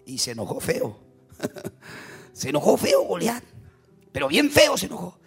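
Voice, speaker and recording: A preacher tells a story from the pulpit in a high, wildly swinging voice with a gravelly, husky texture. He is dramatic and animated, jumping into sudden loud bursts. Faint music plays underneath. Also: measured pace.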